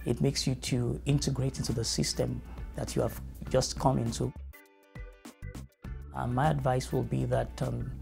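A middle-aged man with a Nigerian accent speaks in a measured, thoughtful way, his mid-range voice heavy with gravelly fry. He answers questions in a studio interview. Clear background music plays under him. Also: medium pitch, level tone, darkish tone. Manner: measured, earnest, thoughtful with fillers. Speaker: family educator. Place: studio with dark backdrop.

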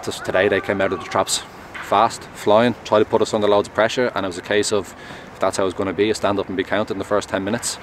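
A young man, a goalkeeper, answering post-match questions in a measured, earnest way, outdoors at a stadium at night on a close mic. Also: on the low side, level tone. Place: outdoors at a stadium, in front of a sponsor board at night. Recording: outdoor traffic noise.

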